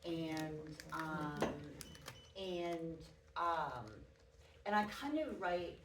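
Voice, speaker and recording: A woman speaking on a playwrights' panel, chatty and halting, laughing now and then. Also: deep voice. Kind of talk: panel discussion. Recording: roomy echo, far from the mic, faint noise.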